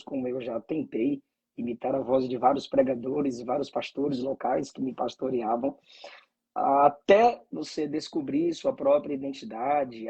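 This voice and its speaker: Mixing conversation with reflections on preaching, this Bahian pastor speaks with fervent cadence and plenty of hallelujahs. His mid-range voice is mellow and breathy with vocal fry. The audio sounds dull.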